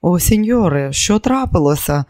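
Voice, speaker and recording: A man's voice: high voice, expressive, normal speed, a little mellow. A man reading an audiobook and voicing a stern male border guard who speaks in a curt, official manner. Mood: courteous.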